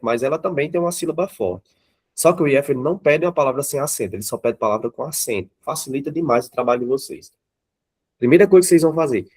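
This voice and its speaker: Brazilian man teaching a live class. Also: mid-range voice. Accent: Brazilian Portuguese. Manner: checks in with the class often, asks the students questions. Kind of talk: classroom grammar lesson.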